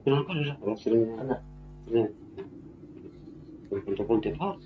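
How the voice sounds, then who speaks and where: A man's voice: medium pitch, animated, fairly quick. Man, casual online chat, choppy cutting-out audio, thin phone-like sound. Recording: tinny phone-like line with music behind.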